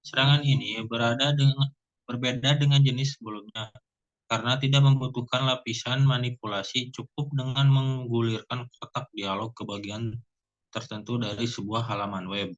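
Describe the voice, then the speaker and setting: A man reading a class presentation from a script in a steady voice, explaining a type of attack. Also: medium pitch, normal speed, lo-fi sound. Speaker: student presenter.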